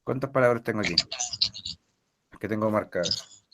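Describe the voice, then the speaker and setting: A man's voice: lowish voice, normal speed. Chilean male teacher, patient explainer, quizzes his student over a faint hiss. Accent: Chilean Spanish. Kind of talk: recorded language lesson. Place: online class session.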